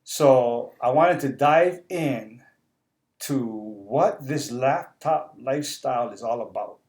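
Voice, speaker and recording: A man's voice: mid-range voice, slow, a little mellow. A middle-aged man hosting a casual live interview, talking earnestly, repeating words and tagging on "right?". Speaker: interview host.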